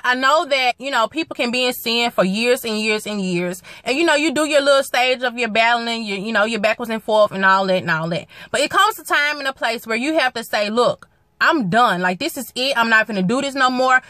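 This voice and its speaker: A woman's voice: high-pitched, bright, forceful tone, no room sound. A young woman preaching earnestly into a phone from a parked car, repeating her points for emphasis. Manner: earnest exhortation, repeats phrases, quotes scripture. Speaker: ministry vlogger. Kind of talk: preaching vlog. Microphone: phone at arm's length.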